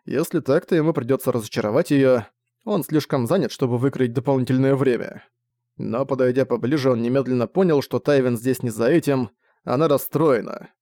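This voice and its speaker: A man reads a novel aloud in a steady, even narrating manner. His voice sits at a middle pitch. The recording is dry and close, with no room echo. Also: brisk. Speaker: audiobook narrator. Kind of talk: scripted audiobook narration.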